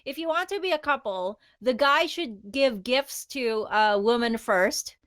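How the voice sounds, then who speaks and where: A woman's voice: a little high, expressive, a little slow, a bit bright. A woman co-hosting a podcast in casual chat, laughing often as she talks. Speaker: podcast co-host.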